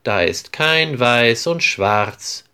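A man's voice: medium pitch, animated, drawn-out words, pushed and bright, clean tone, exaggerated voice. A man voicing a stubborn young boy who argues insistently. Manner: insistent and contrary.

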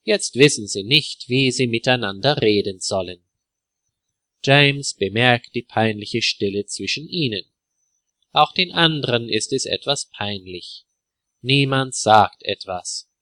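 A man narrating a simple story in a clear, deliberate way for language learners. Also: medium pitch, animated, bright, forceful tone, no room sound.

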